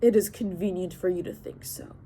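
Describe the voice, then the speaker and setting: A woman's voice: lowish voice, brisk, dark tone, a little hiss or hum, natural voice. A woman voicing a furious, loyal young man who hurls accusations. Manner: accusing, spitting words in anger.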